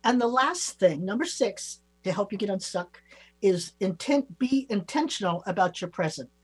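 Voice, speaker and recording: A woman giving spiritual advice as a psychic on a talk show, informal, halting and reassuring. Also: medium pitch, expressive, slightly rough, faint music behind. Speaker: psychic reader and show co-host.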